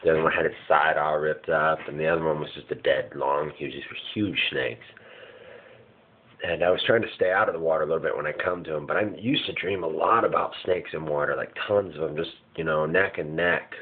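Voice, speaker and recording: A man's voice: extremely low pitch, fairly quick. A man casually recounting his dreams in a hazy, puzzled way, vague and often searching for words. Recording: muffled phone-like lo-fi sound.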